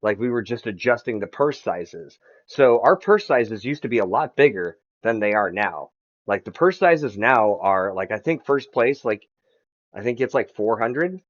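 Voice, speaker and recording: A man's voice: on the low side, animated, normal speed, muffled recording. A man chatting casually on a podcast as the league's commissioner, rambling, repeating words and swearing freely.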